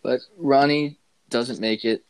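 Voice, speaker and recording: A man's voice: medium pitch, steady tone, slow pace, clean tone, no room sound. A man in a casual football chat, laid-back and mostly giving short replies.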